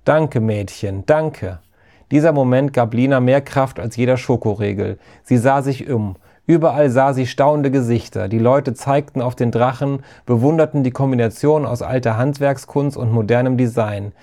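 Mellow male storybook narrator. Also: medium pitch, normal speed, few pauses.

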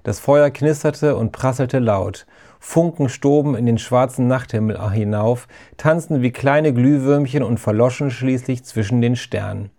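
Mann mit warmer, weicher Erzählstimme. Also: male voice, medium pitch, unhurried. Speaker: narrator. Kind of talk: storybook narration.

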